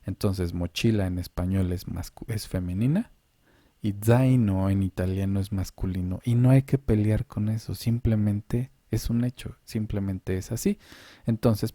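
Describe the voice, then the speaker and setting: A man's voice: lowish voice, dark tone, no room sound. A man teaching a language lesson online, patiently explaining step by step and asking and answering his own questions.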